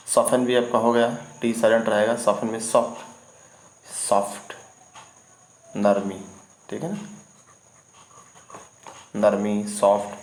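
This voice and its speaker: A man's voice: fairly low pitch, a little mellow. A man teaching vocabulary in an online lesson, repeating each word and often asking if students follow. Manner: repeats words and keeps asking "ठीक है ना?". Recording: echoey room with faint noise.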